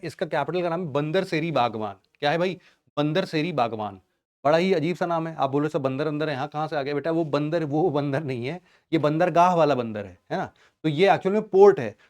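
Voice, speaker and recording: In an online exam-prep lecture, a man with a fairly high, slightly mellow voice teaches geography in Hindi. He casually quizzes his students with rhetorical questions and jokes.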